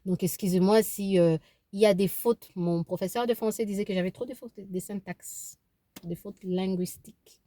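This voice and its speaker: She speaks at a normal speed in a warm, medium-pitched voice with fairly even intonation. A vlogger in her thirties from eastern Congo (DRC), first language Kibembe, she chats casually to camera from her car about her opinions, repeating herself and restarting with many fillers.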